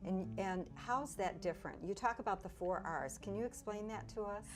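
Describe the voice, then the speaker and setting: A woman's voice: mid-range voice, normal speed, over music. A woman hosting an interview, putting prepared questions to a guest and introducing each part. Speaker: interview host. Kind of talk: scripted-sounding interview questioning.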